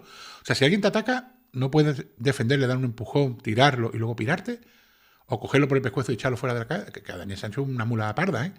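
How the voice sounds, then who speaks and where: A man's voice: medium pitch, husky. A man reading a legal document aloud and breaking off to comment on it with sarcastic, indignant rhetorical questions. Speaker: YouTube commentator. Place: home desk with computer.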